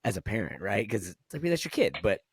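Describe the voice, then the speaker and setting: Low-voiced male podcast host. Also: big pitch swings, quick pace, slight background noise. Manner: warm, enthusiastic, conversational. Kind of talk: casual interview chat.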